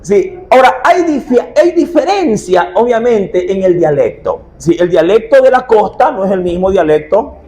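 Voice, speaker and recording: A middle-aged man preaching. His voice sits high and leaps up and down with great animation. He keeps turning to the congregation with rhetorical questions. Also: expressive, moderate pace, few pauses, warm tone, rough recording. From Ecuador. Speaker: pastor. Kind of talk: sermon.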